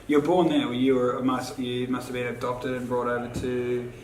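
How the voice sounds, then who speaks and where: A man interviewing a friend, asking laid-back, halting questions and laughing often. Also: medium pitch, flat delivery, a little mellow. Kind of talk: casual chat. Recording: echoey room with crowd noise.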